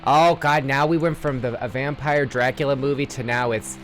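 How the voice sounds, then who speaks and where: A man giving casual horror game commentary as a streamer, excitable and full of teasing jokes. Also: mid-range voice, fairly quick, soft background music.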